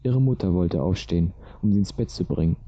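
A man reading a story aloud as narrator in a steady, even way, on a dull lo-fi recording. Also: low-pitched, brisk, no echo.

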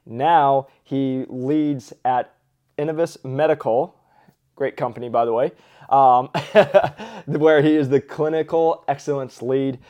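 A man with a soft, mellow tone hosts a podcast in a casual, conversational way. His r sounds come out as w. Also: mid-range voice, slow pace. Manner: says w for r. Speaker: podcast host. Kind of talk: upbeat podcast hosting, casual talk.

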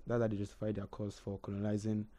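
With a fairly low, mellow voice, a man talks fast and in a monotone. He's one of the co-hosts of a relaxed history discussion on the radio, frequently pausing and repeating words while working out his thoughts.

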